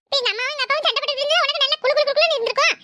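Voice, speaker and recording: A woman's voice: extremely high pitch, racing, heavy background noise. A woman voicing a mischievous young grandson in a cartoon, teasing and sassy, with a Tirunelveli Tamil accent.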